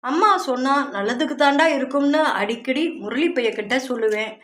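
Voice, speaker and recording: நாவல் வாசிப்பில் ஊரைக் கூட்டும்படி புலம்பும், சட்டென எரிந்து விழும் நடுவயது மாமியார், ஒரு பெண் நடித்துக் காட்டுகிறார். குரல் உயர்ந்தும் உரத்தும் ஒலிக்கிறது. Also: female voice, high-pitched, a little fast, close to an everyday voice. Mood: lamenting. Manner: loud, lamenting, complaining. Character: wailing, hot-tempered middle-aged mother-in-law.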